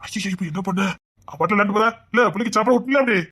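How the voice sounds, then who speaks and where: A woman's voice: medium pitch, very fast, a bit bright, husky. A woman, reading a dramatized family story and voicing every character herself, moving from teasing play to heated quarrels. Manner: switches between playful teasing and heated argument voices.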